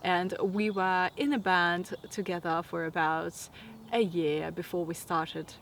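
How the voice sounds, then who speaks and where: A woman of thirty with a Latvian accent, talking calmly to camera outdoors in autumn woods, answering viewer questions. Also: fairly low pitch, slight background noise. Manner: soft, unhurried and reflective, with light laughs. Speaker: vlogger.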